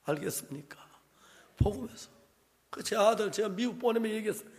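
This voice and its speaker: An older pastor delivers a sermon in a fairly high voice, pressing his points hard and then dropping to hushed asides. He keeps turning to the congregation with quick rhetorical questions. His voice carries a long reverb, as if spoken in a large church hall. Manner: emphatic, shifts between loud exhortation and quiet asides; frequent rhetorical check-ins to the congregation.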